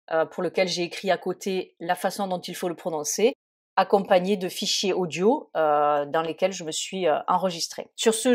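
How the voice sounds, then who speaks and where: A woman teaching an English lesson in French, often hesitating and spelling words out letter by letter. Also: fairly low pitch. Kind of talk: spoken lesson.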